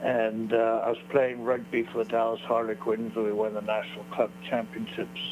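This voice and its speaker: A man's voice: fairly low pitch, completely flat delivery, normal speed, darkish tone, lo-fi sound, slight background noise. A man from Africa, a guest author telling his life story on a radio show in a boastful, expansive way. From South Africa. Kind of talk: radio interview.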